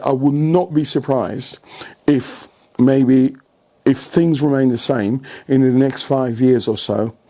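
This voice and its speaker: A senior coach from England, an older man with a medium-pitched voice, tells stories in an interview. His anecdotes are animated, peppered with rhetorical questions and frequent checks that the listener is following and agrees.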